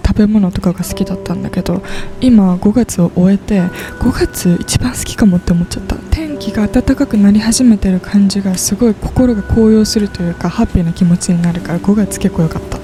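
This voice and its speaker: Chatty young woman vlogging over music. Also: mid-range voice. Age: 20s. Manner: chatty, upbeat, gushing about things she loves. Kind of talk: casual vlog chat and voice-over. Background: background music.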